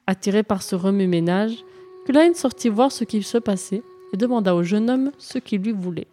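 A woman's voice: mid-range voice, moderate pace, mellow, faint music behind. Woman reading a fairy tale aloud. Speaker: storyteller. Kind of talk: storybook narration.

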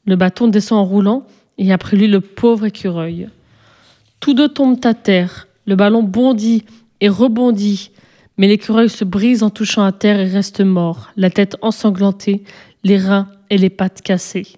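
Mellow-voiced woman reading a storybook. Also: medium pitch, steady tone, unhurried. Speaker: narrator. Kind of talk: storybook narration.

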